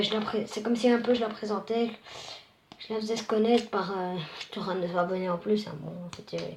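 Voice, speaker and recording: A woman's voice: medium pitch, darkish tone, slight background noise. A woman casually introducing a video she reposts on her channel, rambling and apologetic. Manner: rambling, apologetic, talks with restarts.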